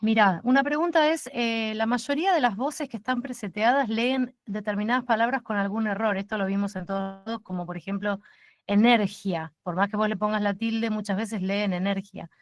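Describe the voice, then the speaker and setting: A participant joins a live webinar to put a direct question, speaking in a conversational way at a medium pitch. The voice comes through a video call and sounds dry and close, with no room echo. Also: a little fast, few pauses.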